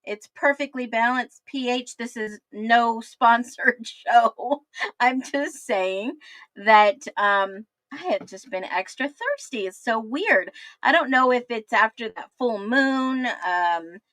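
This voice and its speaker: Casting note: emphatic woman in her fifties, crime commentator, bright forceful tone, dry close sound. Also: on the high side, takes it slowly, dry recording. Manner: emphatic, repetitive, chatty asides. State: thirsty, getting over the flu. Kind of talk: casual livestream commentary.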